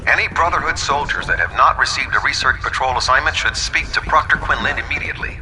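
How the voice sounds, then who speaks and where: A man voicing a stern military announcer making a public address announcement over a loudspeaker, formal and commanding. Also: medium pitch, animated, fast, faint music behind, rough recording. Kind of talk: video game voice acting.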